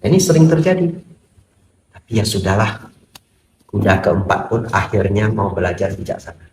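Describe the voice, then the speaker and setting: A Buddhist monk giving a sermon to an audience, telling stories and acting out little dialogues with humor. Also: male voice, fairly low pitch, moderate pace. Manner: lively storytelling, acts out dialogues, jokes with audience. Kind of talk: Dhamma sermon. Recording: roomy echo, distant mic, faint noise.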